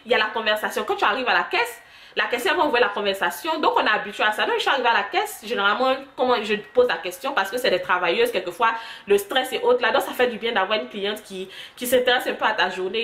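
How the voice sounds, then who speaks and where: Chatty young woman in an echoey room. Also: fairly high pitch. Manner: chatty storytelling, animated asides. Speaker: vlogger. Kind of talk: casual chat to camera.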